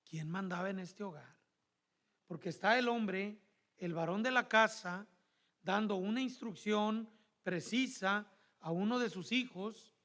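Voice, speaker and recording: High, bright-voiced Mexican preacher. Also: male voice, measured pace. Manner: animated preaching, addresses the congregation as brothers. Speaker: pastor. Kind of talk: sermon. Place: church.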